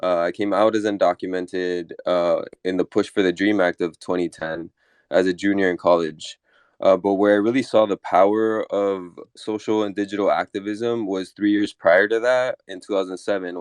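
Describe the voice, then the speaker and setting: A man's voice: deep voice, smooth, no echo, studio quality. A man in his thirties from Chile, talking through his story and role on an online panel with frequent fillers. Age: 30s. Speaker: deputy chief of staff. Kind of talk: panel discussion introduction. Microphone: audio-only online talk.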